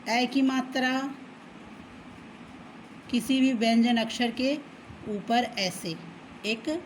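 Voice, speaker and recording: Woman teacher, children's lesson, very slow, slightly high voice, faint noise behind. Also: fairly even intonation, poor audio. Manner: slow, drawn-out syllables when reading words aloud; patient explaining, often checks with "theek hai". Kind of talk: children's Hindi alphabet lesson.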